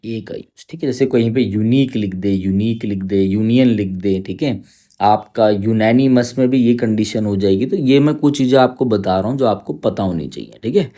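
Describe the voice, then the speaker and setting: A man gives an exam-prep grammar lesson in a warm, dark-toned voice. He explains patiently, step by step, repeating short check-ins as he goes. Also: mid-range voice. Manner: repeats "thik hai" constantly, explaining step by step. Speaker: teacher.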